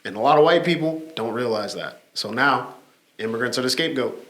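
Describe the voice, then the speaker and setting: A man co-hosts a casual talk, explaining his point calmly and at length. His voice sits in a middle register. The recording carries a roomy echo. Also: medium pitch. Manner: measured, explanatory. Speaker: podcast co-host. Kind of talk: casual discussion. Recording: echoey room.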